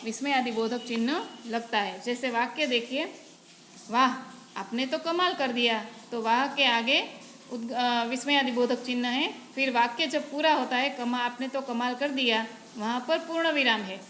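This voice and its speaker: Speaking at a normal speed in a slightly high, fairly bright voice, a woman teacher from Gujarat takes learners through Hindi grammar step by step with patience, often using the word "barabar". Echo and faint noise fill the room.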